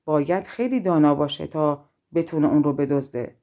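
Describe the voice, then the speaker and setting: A woman's voice: sits low, warm tone, voice pushed down. A woman reading an audiobook and voicing jealous young brothers who speak in a sly, mocking way. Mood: scheming.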